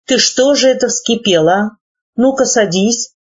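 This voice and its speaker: A woman reading the lines of a sick old rich uncle, firm and gruff, in a dull lo-fi recording. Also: on the high side, measured pace, pitched above the performer's own voice.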